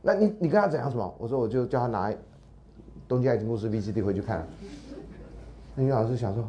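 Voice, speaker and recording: Man, middle-aged, university lecturer, quick, lively pitch, mellow tone, storytelling. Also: highs cut off, slight background noise. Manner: animated, acts out quoted voices with jumps in pitch. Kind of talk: lecture storytelling with acted dialogue. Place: lecture hall.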